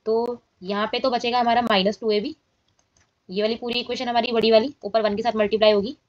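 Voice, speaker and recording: Woman teaching maths step by step, high pitched, dry room, keeps checking students follow. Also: flat delivery, brisk, dry recording, dull audio. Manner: explains steps aloud, checks in often.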